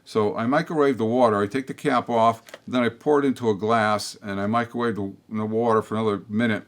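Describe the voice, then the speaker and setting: Fairly quick and steady in tone, a somewhat low-voiced older man addresses viewers of his public-access political show directly. His opinion monologue is blunt and meandering, with frequent restarts and side remarks, and a tickle in his throat leaves him a little hoarse.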